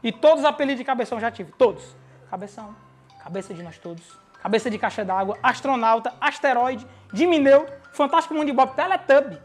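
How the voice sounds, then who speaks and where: A woman's voice: a little high, lively intonation, soft background music. A woman doing stand-up comedy, rattling off jokes in a self-mocking way. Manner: rapid self-mocking list delivery.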